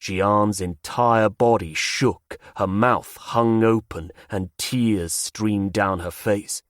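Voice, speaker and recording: Male audiobook narrator, first-person fantasy, measured and low, dry studio sound. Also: steady tone, no echo.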